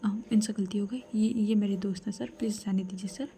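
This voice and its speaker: A scared young woman stammers out her pleas in a soft, breathy hush, as a woman storyteller puts her on. Her voice sits mellow and dark. This is storybook narration, not a full performance. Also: medium pitch, steady tone, fairly quick, slight background noise, lightly acted. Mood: pleading. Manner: stammers, begs in a hushed breathy voice.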